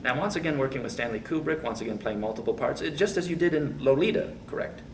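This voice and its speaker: A man's voice: medium pitch, lively intonation, quick pace. A man playing a mock-formal, over-polite interviewer in a comic sketch. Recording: distant mic with faint hiss.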